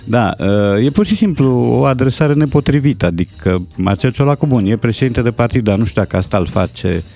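A man's voice: mid-range voice, expressive, mellow, soft background music. A man commenting wryly on speech errors in casual studio chat. He laughs often and explains points of grammar. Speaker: language commentator.

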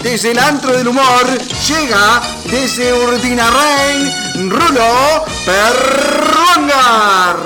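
A man's voice: extremely high pitch, very slow, hardly any pauses, loud music behind the voice. A man announcing comedy acts with grand introductions. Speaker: show announcer.

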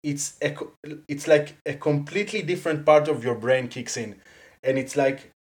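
Lots of "like" and restarted sentences fill this casual interview chat from a guest whose first language is Hebrew and who speaks English with an Israeli accent. The voice is mid-range, animated, and quick to laugh.

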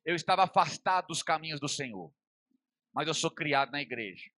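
A young man delivers a testimony sermon in a high, bright voice. He swings between loud, fervent preaching and quiet, intimate storytelling. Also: expressive, brisk. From Brazil.

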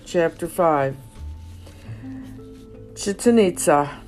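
A woman's voice: sits low, animated, extremely slow. Woman narrator, reflective memoir reading, poetic delivery, faint guitar underneath. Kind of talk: reading a personal memoir aloud. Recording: faint guitar music behind.

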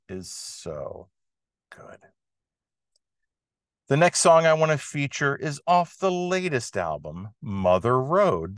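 A man's voice: fairly low pitch, no room sound, studio quality. A man hosting a music podcast, giving an enthusiastic review monologue with emphatic, dramatic phrasing.

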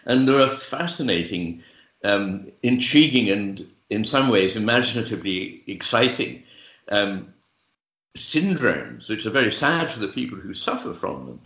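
Low-voiced man explaining at length. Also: very animated, fairly bright tone. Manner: measured, hesitant with fillers and restarts. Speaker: guest author. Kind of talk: thoughtful explanatory interview talk. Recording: roomy, dull lo-fi sound.

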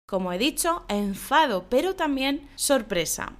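A woman's voice: high-pitched, big pitch swings, unhurried. A woman hosting a casual podcast lesson, laughing often and acting out example phrases. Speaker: Spanish teacher, podcast host.

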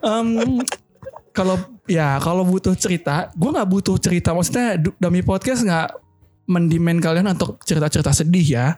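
A man's voice: high-pitched, moderate pace, darkish tone, soft background music. A man who cannot pronounce his r's properly, chatting casually as a podcast host.

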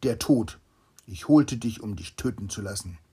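A man reading a fairy tale aloud to a child, voicing a suspicious, hot-tempered old king with a gravelly, husky voice. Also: lowish voice, moderate pace, mellow. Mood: angry.

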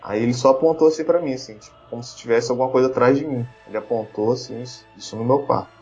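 A man's voice: medium pitch, racing, a little mellow, husky, muffled recording, faint music behind. A man with a Brazilian Portuguese accent telling a story in casual chat, full of fillers and restarts. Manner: chatty, lots of fillers and restarts.

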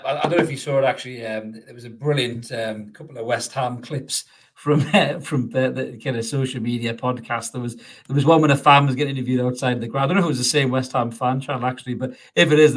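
A podcast host with an ordinary middle-pitched male voice talks fast with fairly even intonation. He runs a loose football chat, swearing freely and laughing as he goes.

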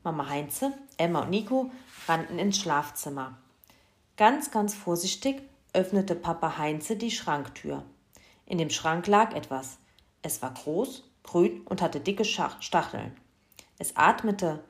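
Woman storyteller, fairly low voice, lively, expressive, children's story. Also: slow pace.

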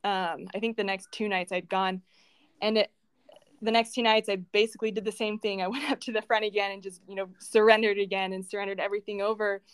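A woman in a personal conversational interview, earnest and halting, telling her faith story at home with many restarts and fillers. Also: medium pitch, fairly even intonation, smooth, dry recording. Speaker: guest sharing her faith testimony.

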